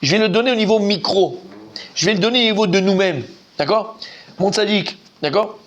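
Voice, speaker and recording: A man giving an informal, animated Talmud class, quizzing his students and repeating key points. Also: sits high, brisk. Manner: lively, animated, asks students questions, repeats himself. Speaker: rabbi teaching Talmud.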